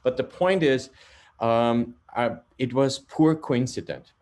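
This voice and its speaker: A middle-aged man from Austria with an Austrian German accent, a guest telling the story of his business in an animated way, repeating words and tagging sentences with "yeah?". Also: mid-range voice, slow. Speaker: guest, software company CEO. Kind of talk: interview storytelling.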